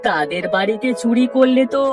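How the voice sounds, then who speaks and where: A woman's voice: on the high side, animated, brisk, natural voice. Woman playing a sly young thief, off-mic. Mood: scheming. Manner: sly, conspiratorial. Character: scheming young male village thief. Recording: distant voice over music.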